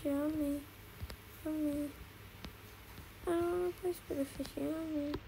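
A woman streams a shooter game and chats to her viewers in a gravelly, fry-heavy voice that sits fairly high. She talks slowly and excitably and repeats lines when something surprises her. Noticeable noise sits under the recording. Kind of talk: casual gameplay commentary.

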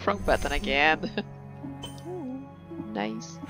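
A let's-play gamer giving casual, excitable commentary while playing. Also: medium pitch, moderate pace, gravelly. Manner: excitable, chatty, gushing. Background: game music.

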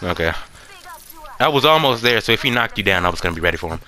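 A young man's bright, forceful voice swings up and down in pitch as he chats through a match. He is excitable, with quick callouts and easy laughter, and a faint hiss of noise sits under him. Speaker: gamer. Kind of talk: casual gaming chat.

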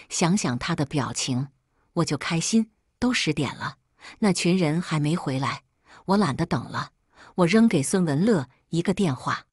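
A woman's voice: fairly low pitch, slightly rough, no room sound, studio quality. A woman narrating a first-person story in a wry, unbothered manner.

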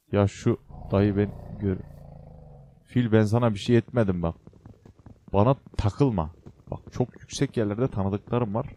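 A young man with a low, mellow voice chats his way through a building game, joking with viewers and grumbling at creatures on screen. A faint hiss and some clicking sit under his casual commentary. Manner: chatty, talks to viewers and the game, jokey exclamations. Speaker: gaming channel host. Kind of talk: casual Minecraft let's play commentary.

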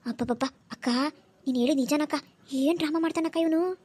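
Cartoon role: a woman doing an envious, catty auntie, high and rapid. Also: dark tone, lightly acted. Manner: catty, envious, grumbling gossip. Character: jealous gossiping middle-aged aunt, mother of a son.

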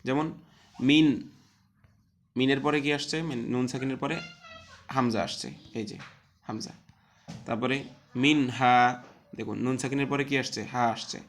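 Male tajweed teacher for an online class; patient, spells letters aloud and recites words slowly. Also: mid-range voice, fairly even intonation, slight background noise. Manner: explains step by step, asks and answers his own questions.

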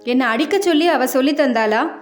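A woman voicing a proud, sharp-tongued elderly mother over 60 who talks in a domineering, cutting way in a storybook reading. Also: sits high, brisk, faint music behind, lightly acted. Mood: defiant.

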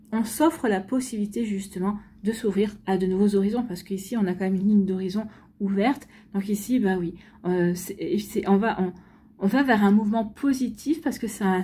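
A woman's voice: mid-range voice, dark tone. A woman giving a chatty weekly tarot reading for star signs, full of fillers, restarts and repeated phrases. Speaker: tarot reader. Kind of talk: weekly astrology card reading.

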